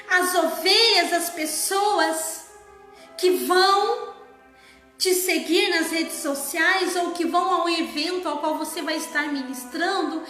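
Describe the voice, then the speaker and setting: A woman preaching a sermon, slow and emphatic, sometimes sliding into song. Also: very high-pitched, a bit bright. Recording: echoey room.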